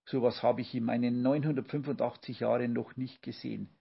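A man's voice: mid-range voice, steady tone, brisk, vocal fry, slightly rough. A man voicing an ancient, mumbling male creature grandfather who soothes the others, on a dull lo-fi recording. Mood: soothing.

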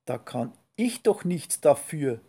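Storybook skunk, small and cheeky, curious and pert, voiced by a man, husky gravelly tone. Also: a little high, expressive, measured pace, dark tone, exaggerated voice.

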